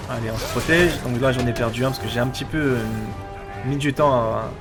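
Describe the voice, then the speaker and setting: Man commentating a game over loud music. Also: mid-range voice, brisk. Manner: explanatory, self-questioning. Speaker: let's player. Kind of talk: casual gameplay commentary.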